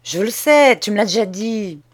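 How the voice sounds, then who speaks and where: A woman voicing an irritable, harsh old male schoolmaster who speaks gruffly and impatiently in an audiobook. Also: medium pitch, animated, normal speed, lightly acted. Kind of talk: audiobook character reading.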